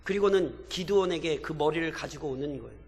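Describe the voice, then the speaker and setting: A man preaching a sermon as pastor, animated and full of rhetorical questions to the congregation, in a church with long reverb. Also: a little high, quick pace, vocal fry.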